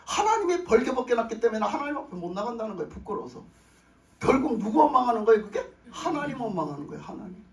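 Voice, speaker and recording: With a medium-pitched voice that swings widely in pitch, the pastor preaches fast and emphatically, repeating lines and posing questions to his congregation. The setting is a church sanctuary, captured with a roomy echo from far off the mic.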